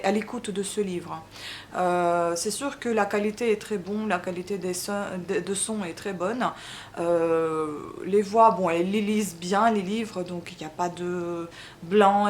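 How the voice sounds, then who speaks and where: A woman's voice: mid-range voice, a little hiss or hum. A woman from Ukraine, speaking French as a second language, giving a casual book review, hesitant and full of fillers. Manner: hesitant, many fillers and restarts. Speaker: book vlogger.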